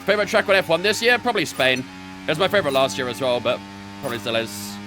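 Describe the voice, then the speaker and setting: A man's voice: medium pitch, fast, music in the background. A young man streaming a racing game from his bedroom, chatting with viewers between laps. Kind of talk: casual live-stream chat while racing.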